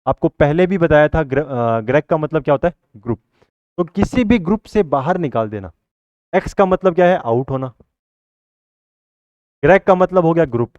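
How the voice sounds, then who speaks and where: Man teaching vocabulary with quick questions. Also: fairly high pitch, expressive, a little mellow, no echo, highs cut off. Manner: asks the class a question, then answers it himself. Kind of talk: Hindi vocabulary lesson.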